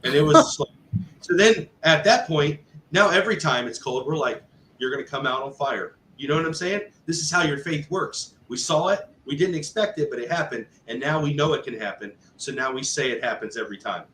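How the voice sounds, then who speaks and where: A man telling a story in a casual, lively way, with many fillers and acted-out quotes. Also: fairly high pitch, brisk. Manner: animated, conversational, full of fillers and quoted speech. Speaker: guest telling a testimony. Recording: roomy echo with faint background noise.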